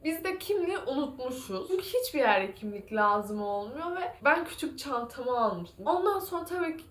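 A young woman vlogging casually, retelling her day in a chatty, animated way and laughing often. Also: high-pitched, roomy sound. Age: young adult. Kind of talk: casual vlog storytelling.

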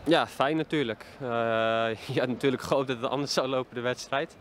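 A footballer in his twenties gives a post-match interview outdoors at a stadium, talking hesitantly with many fillers. His voice is ordinary in pitch, steady, and a bit bright. A reporter holds a handheld mic up to him, and faint noise can be heard behind him.

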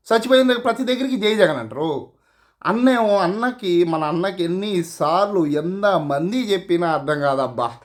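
A man giving casual, sarcastic political commentary, full of mocking rhetorical questions and repeated phrases. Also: fairly high pitch. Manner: addresses listeners directly, repeats phrases.

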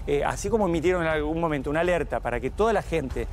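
A man's voice: on the high side, lively intonation, very fast, faint music behind. A man explaining events on a live TV news panel. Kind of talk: live studio panel discussion. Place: TV news studio.

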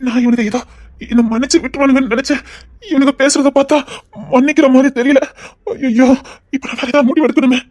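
A man plays a contrite young husband with a Tirunelveli accent, speaking in a soft, low, quick voice. The recording is dry and close. It plays as an intimate family drama scene. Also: fairly even intonation, dry recording. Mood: distressed. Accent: Tirunelveli Tamil.

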